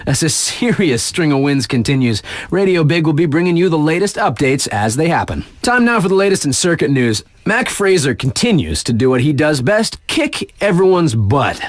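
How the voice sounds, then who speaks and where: He's a cool, upbeat mountain radio DJ in a snowboarding game, his slightly high voice swooping with lively inflection. At a moderate pace with few pauses, he delivers news patter in friendly slang, hyping the riders with laid-back energy. The studio sound is close and dry, without echo.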